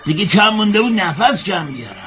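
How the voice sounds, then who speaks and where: A man playing an exasperated lively police chief. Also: high-pitched, loud music behind the voice. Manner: curt, exasperated. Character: male commanding officer, impatient and sardonic. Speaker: senior police officer.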